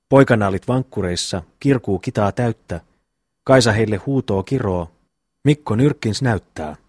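A man's voice: lowish voice, darkish tone, no echo, studio quality. A man reading a cheeky young rhymester. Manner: rhythmic sing-song recitation of rhyming verses. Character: bold young man, mocking rhymester brother. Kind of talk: audiobook reading.

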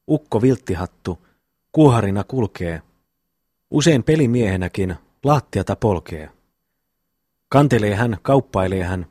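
A man's voice: fairly low pitch, darkish tone, dry recording, studio quality. A man reading a cheeky young rhymester. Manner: rhythmic sing-song recitation of rhyming verses. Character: bold young man, mocking rhymester brother. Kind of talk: audiobook reading.

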